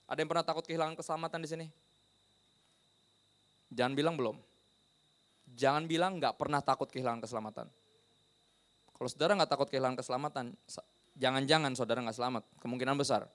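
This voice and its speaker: A man's voice: medium pitch, fast talker, long pauses, a bit bright. A man preaching a sermon as pastor, talking in a conversational way, slipping English phrases in and asking the audience questions.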